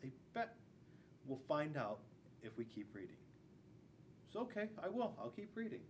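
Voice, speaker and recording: A man in his forties, a school resource officer, reads a storybook to young kids in a classroom, very animated and full of playful, chatty asides. His voice is a little high and moves at a moderate pace, captured from a camera a few feet away with faint room noise.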